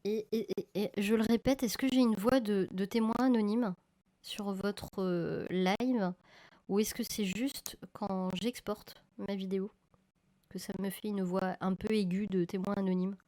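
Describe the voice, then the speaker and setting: A woman's voice: medium pitch, fairly even intonation, measured pace, dark tone. A woman streaming live, chatting casually with viewers while she works, often correcting herself mid-sentence. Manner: chatty, self-correcting, talks to chat viewers. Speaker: film photography streamer. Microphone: desk microphone. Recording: slightly crackling live-stream audio.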